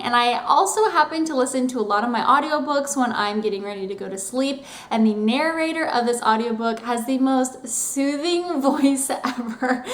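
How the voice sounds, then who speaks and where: A young woman hosting a book vlog, talking casually and rambling with lots of "like" fillers. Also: fairly high pitch. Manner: chatty and rambling, heavy use of "like". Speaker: book vlogger. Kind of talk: casual chat to camera. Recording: roomy echo.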